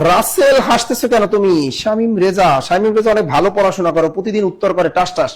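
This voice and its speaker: A man teaching a live online exam-prep class, quizzing students and repeating questions while urging quick answers. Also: high-pitched.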